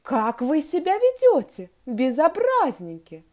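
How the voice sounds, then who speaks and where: A woman voicing a strict, easily angered female schoolteacher who scolds her pupils in sharp outbursts, as she reads a story aloud to children. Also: high-pitched, extremely slow, full character voice. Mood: scolding. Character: strict irritable female schoolteacher, middle-aged.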